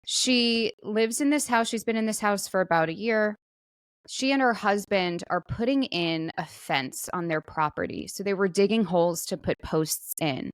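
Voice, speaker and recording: On a casual talk show, this co-host chats her way through a viral story, performing the quotes as quoted asides along the way. She speaks at medium pitch and a moderate pace, recorded with clean studio sound and no echo.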